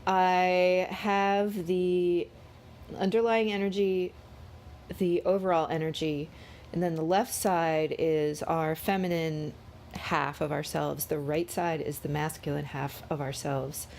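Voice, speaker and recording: A woman host giving a casual spiritual card-reading vlog, sounding low on energy and slightly unwell with a cold, talking haltingly. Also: steady tone, creaky, darkish tone, a little hiss or hum. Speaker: host of a daily tarot reading.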